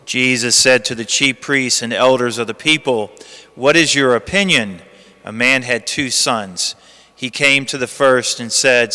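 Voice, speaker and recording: A man, a priest, reading the gospel and preaching a homily in a measured, emphatic way, his voice carrying a long church echo. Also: mid-range voice, sharp tone. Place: large church. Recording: long cathedral-like church reverb.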